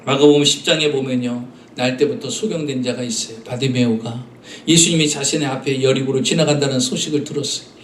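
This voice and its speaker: A man's voice: mid-range voice, fairly even intonation, fairly quick, roomy sound, distant mic, a little hiss or hum. A man preaching a Sunday sermon as pastor, earnestly addressing the congregation and acting out voices in his stories. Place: church sanctuary.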